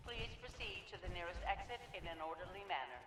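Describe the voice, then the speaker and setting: A woman voicing an impersonal automated facility alarm system, heard through a game's public address loudspeaker with flat scripted announcements. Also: lowish voice, fast, slightly rough, no room sound. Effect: public address loudspeaker in a game.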